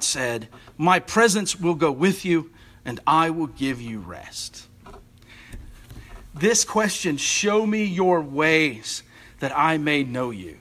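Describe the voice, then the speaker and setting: A man preaching a sermon as an assistant rector, earnest, with soft emphatic repetitions. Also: fairly high pitch.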